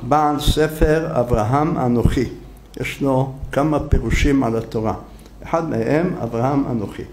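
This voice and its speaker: A man's voice: mid-range voice, a little mellow, slight background noise. A man, a rabbi, delivering an impassioned sermon in a synagogue, acting out quoted dialogue with a raised voice.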